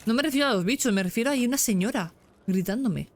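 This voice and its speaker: Excitable young Spanish woman streaming. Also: fairly high pitch, very fast. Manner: chatty and excitable, breaks into squeals. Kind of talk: casual gameplay commentary.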